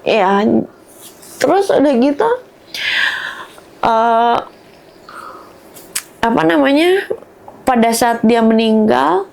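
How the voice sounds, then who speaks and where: Tearful young woman, halting speech. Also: a little high, expressive, gravelly, darkish tone. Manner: halting, searching for words. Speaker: podcast guest, bereaved mother. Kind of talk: emotional interview talk.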